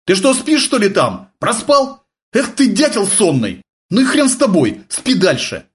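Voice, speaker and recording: A man doing a shrill, flustered army sergeant. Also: very animated, brisk. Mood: agitated. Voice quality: shrill, blurting, agitated. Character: flustered young male army sergeant, excitable. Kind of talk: audiobook character voice.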